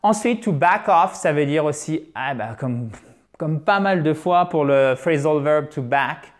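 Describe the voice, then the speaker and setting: A man teaching English in French, lively and chatty, repeating example sentences slowly to drill pronunciation. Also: fairly high pitch. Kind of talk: French-language English lesson.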